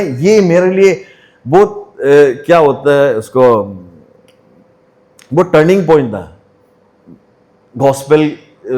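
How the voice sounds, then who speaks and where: A man's voice: medium pitch, darkish tone. A young man from Arunachal Pradesh in India, telling his personal testimony to a congregation in a storytelling way, mixing in English phrases and asking the listeners questions. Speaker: testimony speaker at church fellowship.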